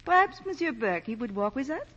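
Flirtatious countess, breathy and lilting. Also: female voice, high voice, sing-song, brisk, fairly bright tone, heavily acted. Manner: coquettish, teasing. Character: flirtatious aristocratic European countess. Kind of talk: 1940s radio acting. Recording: dull 1940s radio broadcast.

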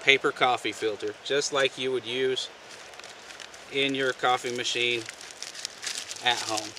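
A man casually showing a homemade camp stove outdoors, talking in a relaxed, folksy way with many fillers. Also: mid-range voice, a little slow, far from the mic, noisy background. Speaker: outdoor gear vlogger. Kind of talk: casual how-to demonstration. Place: outdoors on the ground, off camera.

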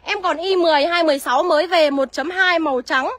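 Young girl selling used cars on a livestream, quick salesy patter, bright tone. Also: very high-pitched, dry recording. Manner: brisk salesy patter, reads out viewer comments. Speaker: used car seller.

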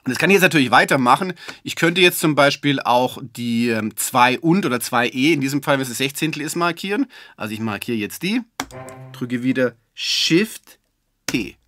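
A man giving a relaxed, chatty music-software tutorial, with fillers and self-corrections. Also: medium pitch, moderate pace. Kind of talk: screen-recorded software tutorial.

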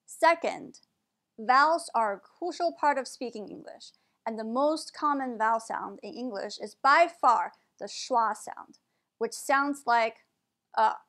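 A woman with a high voice teaches English pronunciation at an unhurried pace. She models each word carefully and clearly, in a patient classroom-lesson delivery. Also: a bit bright.

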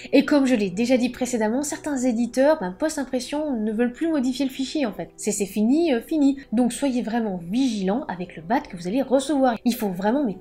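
Woman with a high, mellow voice. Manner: playful, jokey asides. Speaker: book vlogger and author. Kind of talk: casual explanatory video.

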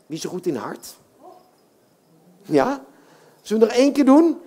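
A woman's voice: on the high side, big pitch swings, moderate pace, mellow. A woman puppeteer leading a children's audience at a live show, cheerful and encouraging. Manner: encouraging, cheerful, coaxes the crowd with "hè?".

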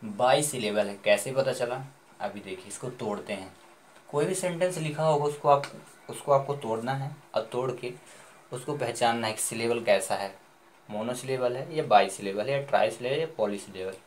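A man teaches a grammar class, firing off questions and answering them himself. He spells words out letter by letter at a medium pitch. A faint noise sits under the recording. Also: normal speed.

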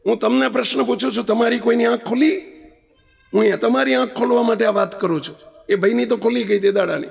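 Man, spiritual leader, sermon, husky gravelly voice, asks listeners direct questions, reverberant assembly hall. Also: very high voice, quick pace, faint music behind. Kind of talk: storytelling sermon. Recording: long reverb of a large hall.

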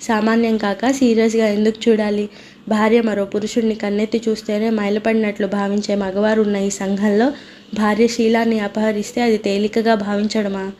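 A woman's voice: medium pitch, little pitch movement, moderate pace, mellow, natural voice. A woman reading as a pleading, distressed young wife. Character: frightened young wife pleading for her honor. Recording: dull lo-fi recording, faint hiss.

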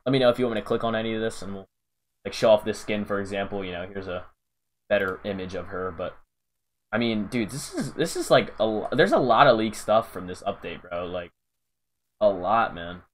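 A man's voice: fairly low pitch, animated, a little fast, a little hiss or hum. Young guy streaming, rambly and chill, lots of um and bro, talking to chat. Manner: rambling, reads chat aloud, frequent fillers and "bro". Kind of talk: casual live-stream chat.

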